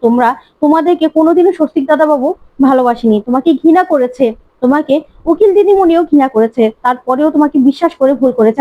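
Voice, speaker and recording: A woman's voice: high voice, no echo, close to an everyday voice. A woman voicing a young maid who is tearful and fiercely loyal, wailing and then accusing. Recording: slightly muffled dry recording.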